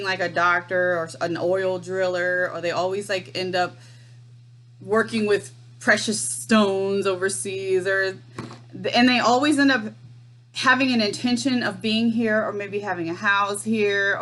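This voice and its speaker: Casual woman storyteller, amused and wry, quick to laugh. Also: mid-range voice, a bit bright. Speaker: storyteller vlogger.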